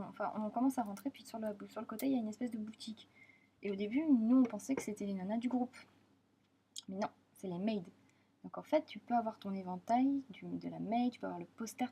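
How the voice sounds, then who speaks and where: A woman's voice: mid-range voice, dark tone, husky. A young woman from France chatting casually in a travel vlog, gushing and repeating herself, often trailing off mid-sentence. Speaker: vlogger.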